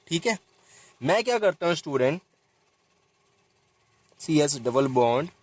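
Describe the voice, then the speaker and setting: A man's voice: a little high, very animated, a little slow. A young man teaching a chemistry lesson, talking straight to his students and stopping to correct himself as he writes formulas. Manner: addresses students directly, repeats and self-corrects while writing. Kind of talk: chalk-talk lesson explaining a reaction.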